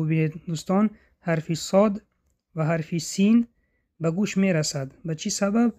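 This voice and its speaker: Tajweed teacher, mid-pitched, measured lecturing, stretches out sample sounds. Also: darkish tone. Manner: measured, demonstrates letter sounds slowly and drawn out. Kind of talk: instructional explanation.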